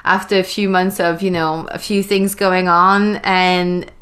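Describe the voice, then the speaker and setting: A woman's voice: on the low side, flat delivery, unhurried, fairly bright tone. A woman in her forties from Belgium, a podcast guest telling her story in a chatty, rambling way with frequent laughs. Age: 40s. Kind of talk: casual interview chat.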